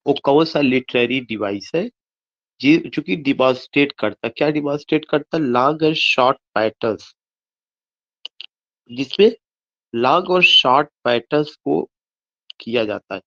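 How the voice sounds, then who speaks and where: Male tutor, deliberate and repetitive, asks and answers his own questions; muffled low-fi audio. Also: lively intonation, fairly bright tone. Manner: repeats each point and quizzes himself aloud; reads English slowly word by word, explains in quick Hindi. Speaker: English literature teacher. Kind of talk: exam-prep lecture mixing Hindi and English.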